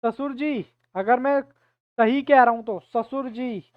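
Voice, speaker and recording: Speaking slowly in a very high, clean-toned voice, a male teacher explains an online reasoning lesson step by step while urging his students to respond. The sound is dry and phone-like.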